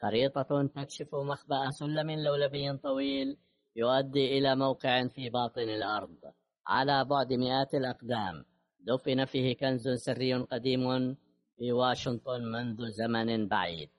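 A man narrating an audiobook novel in a steady, measured reading voice. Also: medium pitch, no room sound, clean studio sound. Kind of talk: scripted narration.

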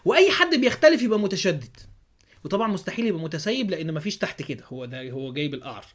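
A man's voice: a little high, sing-song, racing, fairly bright tone. A man with an Egyptian Arabic accent hosting a podcast, giving a religious commentary monologue full of sarcastic rhetorical questions. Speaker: podcast host.

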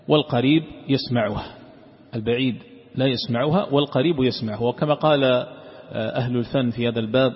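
A man teaching a lesson on Quran recitation rules, explaining step by step and chanting example verses slowly. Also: medium pitch. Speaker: sheikh teaching Quran sciences. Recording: dull lo-fi recording with long hall reverb.

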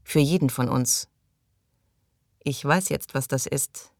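A woman's voice: sits low, a little fast, dry recording, clean studio sound. A woman reading as a grave, urgent man. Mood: earnest. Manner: earnest, urgent. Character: serious, guarded man taking charge.

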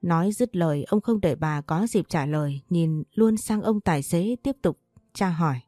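Low, mellow woman narrating a story. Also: animated, normal speed, no room sound, studio quality, faint music behind. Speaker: audiobook narrator. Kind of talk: first-person storybook narration.

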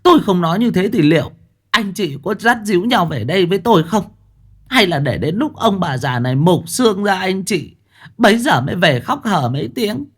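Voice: mid-range voice, big pitch swings, breathy edge, voice pushed up. A storyteller voicing a domineering elderly mother-in-law who berates her daughter-in-law in a shrieking tirade. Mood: scornful. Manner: shrieking, rapid-fire tirade.

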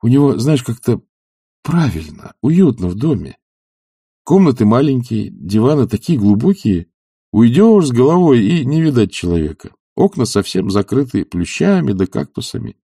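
A man voicing an idle, sighing gentleman who whines and dodges in a reluctant, drawn-out way. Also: mid-range voice, sing-song, gravelly, breathy edge, no echo, clean studio sound, exaggerated voice. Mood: dreamy. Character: lazy, sighing gentleman, plaintive and evasive.

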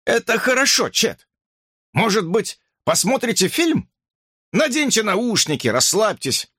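A man reading an audiobook, voicing a calm scientist who speaks in a measured, reassuring, firm way. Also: high-pitched, husky, no room sound, clean studio sound, voice pushed up, exaggerated voice. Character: calm, firm male scientist running an experiment. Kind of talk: audiobook character voice.

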